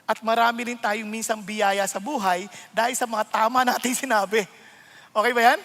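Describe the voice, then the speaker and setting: Middle-aged male pastor, high voice, animated and joking, sermon in a reverberant church hall. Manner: playful, animated, often laughing, keeps asking the congregation questions. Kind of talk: conversational sermon.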